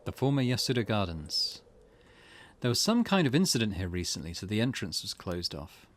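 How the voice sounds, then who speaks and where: Speaking at a normal speed, a gaming video host with a fairly low, sing-song voice reads game text aloud during a let's play. Between passages he mutters reactions to himself.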